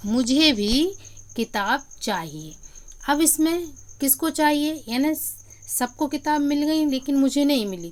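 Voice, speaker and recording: A woman teaching children a grammar lesson, talking to them directly, asking questions and answering them herself while she stresses and repeats key words. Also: on the high side. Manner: explanatory, asks questions then answers them. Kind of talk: classroom-style grammar lesson.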